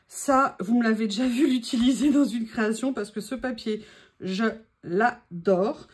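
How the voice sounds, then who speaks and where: Here the same kind of craft-paper haul comes from a French woman whose fairly high voice moves a little slowly and carries a breathy edge. She's an eager crafting vlogger, chatting loosely with lots of fillers and pauses.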